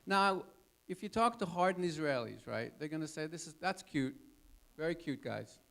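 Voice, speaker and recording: A man in his fifties speaks informally and conversationally as a guest in an audience Q&A on an expo stage, his voice a little high, expressive, a bit bright, with vocal fry and a moderate pace. The live stage recording picks up audience noise.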